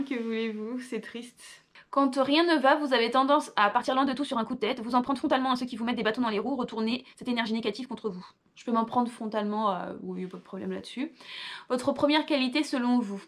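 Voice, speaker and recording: A young woman, reading quiz questions aloud and answering with offhand asides in a casual vlog. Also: fairly high pitch. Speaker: vlogger.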